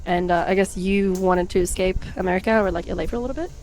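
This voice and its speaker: Quick-talking woman telling a story. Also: lowish voice, darkish tone. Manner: chatty, hesitant with fillers. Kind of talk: casual interview chat.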